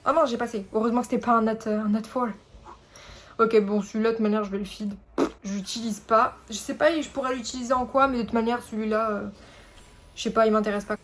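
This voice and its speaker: Young woman talking thru her game pulls, kinda high voice, rambly and chatty. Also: fairly even intonation, fast. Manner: chatty, rambling, lots of fillers and self-corrections. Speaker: gaming YouTuber. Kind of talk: casual gameplay commentary.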